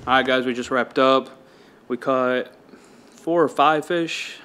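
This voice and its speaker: A fishing vlogger films outdoors by some ponds, his mid-range, clean-toned voice unhurried as he chats casually in slang. He's laid-back but gets excited over his catches, and the camera audio is noisy.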